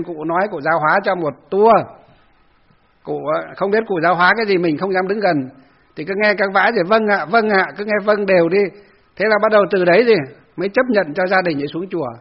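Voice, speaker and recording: Brief: a Buddhist monk giving a storytelling dharma talk, high husky voice on a muffled recording. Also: male voice, fast talker. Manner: storytelling, conversational, acts out quotes.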